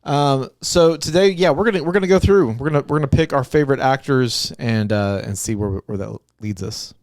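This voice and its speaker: A man's voice: medium pitch, brisk, a little mellow, no room sound, clean studio sound. A man from Arkansas co-hosting a podcast, chatting casually, rambling with many restarts and easy laughs. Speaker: podcast co-host. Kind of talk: casual chat.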